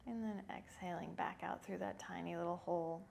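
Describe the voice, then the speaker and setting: A woman with a fairly low voice and plenty of vocal fry leads a follow-along breathing lesson. She is calm and informal and takes her time between instructions, with a little noise behind her. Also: brisk. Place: small indoor yoga room. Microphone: lapel microphone.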